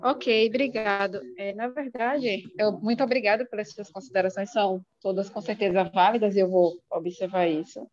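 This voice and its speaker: A woman's voice: medium pitch, fairly even intonation, normal speed, hardly any pauses, darkish tone. A woman presenter replies to feedback in an academic session over an online call, her voice breaking up and dropping out, with hesitant fillers and restarts. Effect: call audio breaking up and dropping out. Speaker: conference presenter. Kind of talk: academic Q&A reply. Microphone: online video call. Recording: dull lo-fi call audio.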